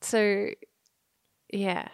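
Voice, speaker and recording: A woman's voice: mid-range voice, flat delivery, very slow, clear, resonant tone, no echo, clean studio sound. An Australian woman co-hosting a podcast, telling a story in casual chat and laughing often. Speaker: podcast co-host.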